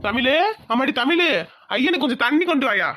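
Woman doing a gruff, brooding old father. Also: sits high, lively intonation, a little fast, bright, forceful tone, no echo, clean studio sound, faint music behind, heavily acted. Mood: weary. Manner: curt, weary. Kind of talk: cartoon voice acting.

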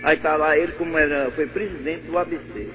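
Older Brazilian male caller, high voice. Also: fairly even intonation, a bit bright, slight background noise, poor audio. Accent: Brazilian Portuguese, northeastern. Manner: halting, repeats words, earnest. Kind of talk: phone-in call.

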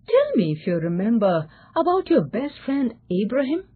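A woman's voice: a little high, big pitch swings, moderate pace, slightly rough. A woman voicing a grave inner voice of conscience that questions a young man sternly. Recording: tinny phone-like sound.

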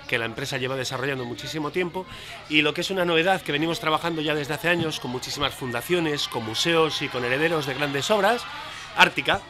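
A man's voice: a little high, quick pace, music in the background. A young man, a publisher's representative, speaking in a street interview at an outdoor book fair stall, fluent but with frequent fillers. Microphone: handheld reporter mic.

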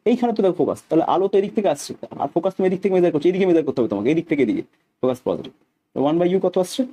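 A man's voice: fairly high pitch, expressive, very fast, mellow, slightly rough. A man with a Bengali accent teaching a physics lesson, talking through each step aloud, repeating phrases and asking his students questions.

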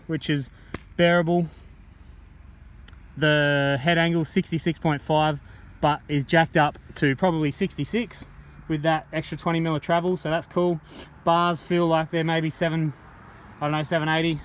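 A man, casually talking through a mountain bike and then riding it on an outdoor trail, recorded on an action camera. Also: on the high side. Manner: relaxed and chatty, gets excited while riding. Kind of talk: casual ride-along bike review. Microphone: helmet or bike-mounted action camera. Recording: faint wind noise on the mic.

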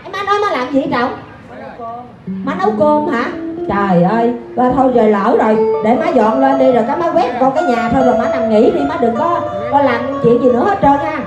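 A woman's voice: sits high, animated, dull audio. A woman with a Southern Vietnamese accent playing a chattering daughter who fusses over her mother while loading her with chores. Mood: fussy. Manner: rapid, fussing and exclaiming. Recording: echoey stage with music.

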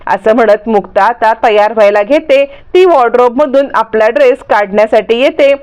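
A woman retells a TV serial episode in a lively, dramatic storytelling voice. Her pitch sits high and her tone is smooth and clear. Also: normal speed. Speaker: narrator.

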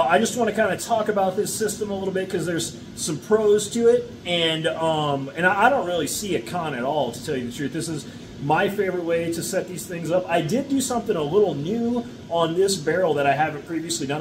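A middle-aged man, a mushroom farmer, gives a casual how-to talk to the camera indoors, checking in often with "okay?" and "all right?". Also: on the high side. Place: indoor farm room with grow shelves. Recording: steady background noise.

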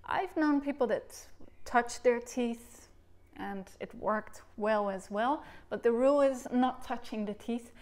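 Speaking slowly in a high, darkish voice, a recorder teacher from the Netherlands, in her thirties and Dutch-accented, patiently walks through articulation from her living-room sofa. She demonstrates the syllables aloud and gestures as she goes.

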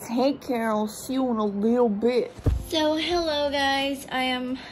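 A woman's voice: high-pitched, steady tone, unhurried, a little hiss or hum, rough recording. A young woman in her twenties, tired after an all-nighter, chatting and rambling casually to a phone camera held at arm's length in a small bedroom. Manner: chatty, rambling, self-mocking. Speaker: vlogger. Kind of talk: casual vlog chat to camera.

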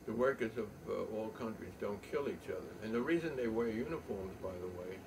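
An older man telling a story in a rambling, halting way, with many pauses and fillers. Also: fairly low pitch, lively intonation. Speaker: show host. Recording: distant mic with faint room noise.

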